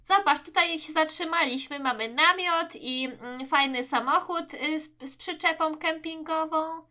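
A woman voicing a friendly, chatty toy girl showing a newcomer around. Her voice is high and bright. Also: unhurried. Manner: chatty, explaining.

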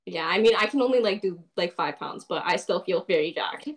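A woman's voice: on the low side, expressive, a little fast. Chatty teasing young woman. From Canada. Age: young adult. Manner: chatty, teasing, laughs easily. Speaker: dating show contestant. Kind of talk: casual chat on a video call. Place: bedroom, indoors.

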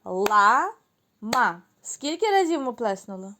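A woman teacher leading a lesson for young children, speaking slowly and clearly, drawing words out syllable by syllable and praising the class. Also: on the high side, expressive, a little mellow, slight background noise. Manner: praising, answering her own questions.

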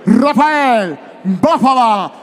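A man working as a ring announcer, giving booming stage introductions of fighters with drawn-out, shouted names. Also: animated. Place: large indoor arena, inside the fight cage. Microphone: handheld microphone.

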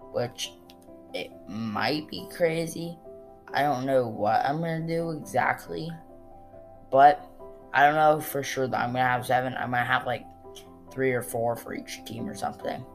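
A woman chatting casually through a Lego build vlog, rambling and hesitant with lots of fillers. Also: a bass voice. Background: guitar music.

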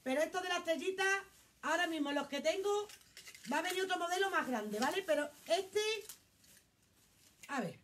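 A woman's voice: extremely high pitch, lively intonation, normal speed, pauses often, fairly bright tone, a little hiss or hum. A middle-aged woman with a Spanish accent, selling clothes on a casual live stream from her shop. She chats in an exclamatory way, reads out viewer comments and swears casually. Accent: Spanish from Spain.

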